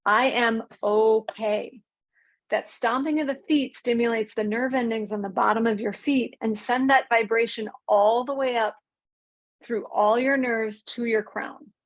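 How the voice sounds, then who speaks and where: A woman teaching an online mindfulness class, speaking calmly and drawing out key words slowly. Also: a little high, poor audio. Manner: calm, slows and stretches key words. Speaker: mindfulness coach.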